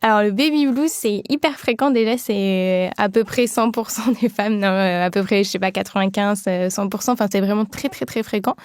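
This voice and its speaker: A woman's voice: medium pitch, moderate pace, few pauses, clean tone, no echo, clean studio sound. A woman midwife explaining things in a podcast interview, with many fillers and restarts.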